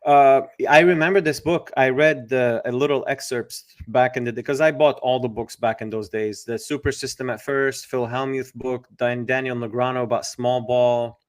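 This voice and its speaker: Male podcast host, mid pitch, short questions, quick acknowledgements, casual interview. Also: fairly even intonation.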